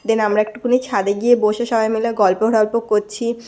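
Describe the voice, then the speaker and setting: Hoarse woman, slightly high and mellow, casual chatty vlog voice-over. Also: level tone, moderate pace. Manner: chatty, addresses viewers directly. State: hoarse from a cold. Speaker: vlogger narrating her video.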